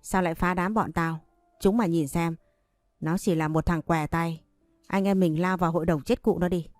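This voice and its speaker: A crude young street thug jeers at his victims, as a woman storyteller puts him on. The voice is low and mellow, close and dry, with faint music underneath. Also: fairly even intonation, normal speed, dry recording, natural voice. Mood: jeering. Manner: crude, jeering.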